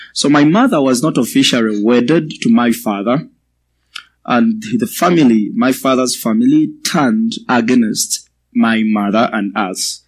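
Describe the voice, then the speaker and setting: A Ugandan-accented man in his twenties with a mid-range voice gives a personal testimony as a guest speaker at a church. He speaks in a measured, halting way. The recording is rough.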